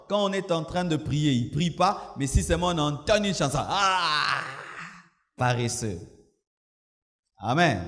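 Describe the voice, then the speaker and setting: Male pastor, fairly high voice, lively sermon delivery, long hall echo. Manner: preaching with shouted mimicry and laughter.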